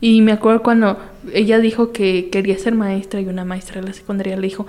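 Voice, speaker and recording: A woman's voice: mid-range voice, level tone, quick pace, a little mellow. A young woman with a Mexican accent, a podcast guest telling stories in casual chat, full of fillers and acted-out quotes. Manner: chatty storyteller with fillers, acts out quoted voices.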